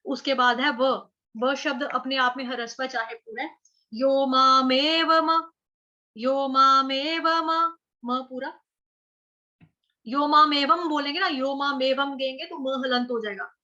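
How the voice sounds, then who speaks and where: A woman teaching Sanskrit verse recitation in an online class, breaking words into syllables and repeating them slowly. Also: sits high, steady tone, pushed and bright, lo-fi sound. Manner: slow syllable-by-syllable chanting with repeated drills. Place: online class over video call.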